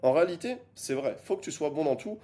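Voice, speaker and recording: A young man giving an energetic online business lesson as a coach, emphatic and repeating points for stress. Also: on the high side, fast talker.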